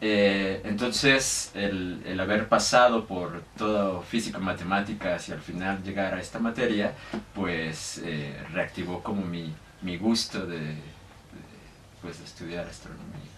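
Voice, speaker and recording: In a casual interview, a young Mexican guest with a Mexican accent keeps hesitating, filling pauses and restarting. His low voice stays steady and a bit bright, moving at a measured pace. Faint noise, room echo and a far-off mic mark the recording.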